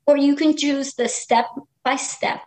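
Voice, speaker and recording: A woman's voice: sits high, measured pace. A woman in her thirties in a casual motivational chat, encouraging listeners and acting out what people tell her. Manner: encouraging, animated, acts out quoted people.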